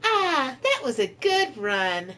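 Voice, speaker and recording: High, lively woman reading game text. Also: slow pace. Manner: animated, playful, giggly narration. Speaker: streamer playing a visual novel. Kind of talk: reading game text aloud, casual stream chat.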